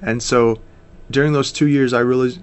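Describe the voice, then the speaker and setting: As a missionary guest in a casual interview, an American man in his thirties speaks earnestly and steadily, often using fillers. His voice is medium-pitched, clear and resonant, with fairly even intonation and a moderate pace.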